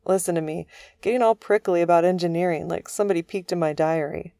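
A woman's voice: fairly low pitch, steady tone, quick pace, dark tone, dry recording, studio quality, natural voice. A woman voicing a moody, self-deprecating male starship captain in a storybook reading, wry and prickly.

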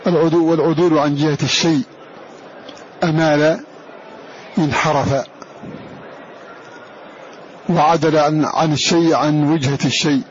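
A man teaching a lesson on Quran recitation in a deliberate lecture style, repeating each term for his students. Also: fairly high pitch, steady tone, a faint crowd. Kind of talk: classroom lecture. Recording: dull lo-fi recording with faint hiss.

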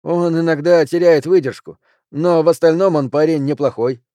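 A friendly bartender who speaks in an easygoing, advising tone, voiced by a male audiobook reader. His voice is a touch higher than the narration and recorded dry. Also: fairly even intonation, moderate pace, mellow, no room sound, natural voice. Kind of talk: audiobook character reading.

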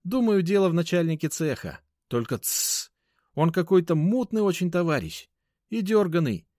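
A man's voice: sits high, very animated, moderate pace, a little mellow, no room sound, studio quality, pitched above the performer's own voice. A man doing a touchy, sulky young male reporter. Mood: indignant. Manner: indignant, sulky, emphatic. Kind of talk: audiobook character voice.

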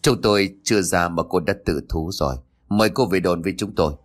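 A man's voice: low-pitched, a little fast, pitched below the performer's own voice. A man voicing a stern, formal male police officer questioning suspects.

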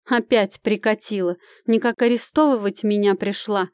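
A woman voicing a grumpy, frightened old village woman who fiercely shields her son, snapping back in a defiant, drawn-out voice. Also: fairly high pitch, steady tone, smooth, no room sound, clean studio sound, pitched above the performer's own voice, lightly acted. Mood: grumbling defiant.

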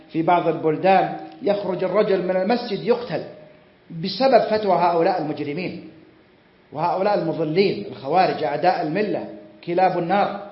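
A man giving a religious lecture, fervent and emphatic, swearing oaths and firing rhetorical questions. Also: high voice. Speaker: Islamic scholar giving a lecture. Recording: echoey, muffled lecture recording.

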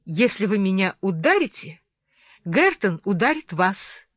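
A headstrong young woman , as the reader of a storybook puts her on, talking back boldly in a raised, high voice. The sound is dry and close-miked. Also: very animated, unhurried, a bit bright, no room sound. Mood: defiant. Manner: bold, raised, defiant.

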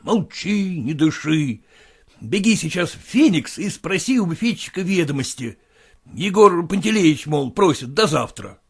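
A man's voice: a little high, expressive, a little slow, gravelly, husky, voice pushed up, heavily acted. A man reading aloud, voicing a flustered, indignant middle-aged merchant in a storybook. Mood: fretful. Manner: agitated, indignant outbursts.

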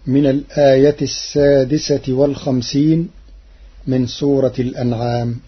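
A man presenting on the radio in scripted explanatory commentary, quoting verses slowly and carefully. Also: mid-range voice, husky. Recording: muffled old radio recording.

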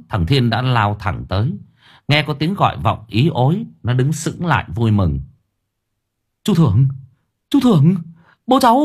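A man's voice: medium pitch, husky. A man narrating an audiobook expressively. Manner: expressive storytelling. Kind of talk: scripted narration.

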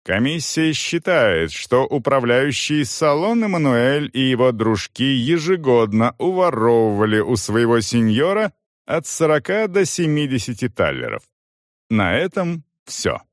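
A man voicing a tedious male accountant who reads figures in a dry, steady, officious way. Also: mid-range voice, unhurried, no room sound, voice pushed up.

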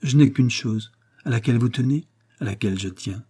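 A man voicing a gentle, sorrowful older mother who speaks softly and gravely, in an audiobook reading. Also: medium pitch, lightly acted. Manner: soft, grave, measured.

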